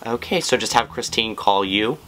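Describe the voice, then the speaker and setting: A man's voice: fairly low pitch, moderate pace, pushed and bright, a little hiss or hum. A man in his twenties talking casually, as a prank caller and video host in a living room. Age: 20s. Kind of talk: casual vlog and prank call talk. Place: small indoor living room, on a couch.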